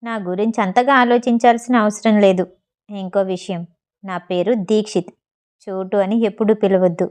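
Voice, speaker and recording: A woman's voice: medium pitch, steady tone, normal speed, pitched below the performer's own voice, lightly acted. Teasing young man, read by a woman. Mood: angry. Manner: teasing, then sharp when annoyed.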